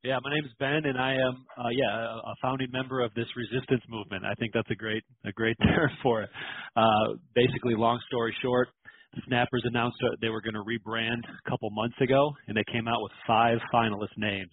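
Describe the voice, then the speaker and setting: Husky man answering on a phone line. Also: mid-range voice, a little fast. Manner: relaxed, with fillers and restarts. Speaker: guest. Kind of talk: casual interview answers. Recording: tinny phone-line audio.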